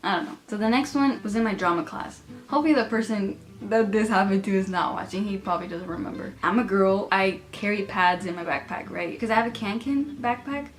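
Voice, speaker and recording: A woman's voice: mid-range voice, brisk, hardly any pauses, faint music behind. Giggly young woman telling stories. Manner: giggly, laughs through her stories, many filler "like"s. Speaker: vlogger. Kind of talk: casual storytelling to camera.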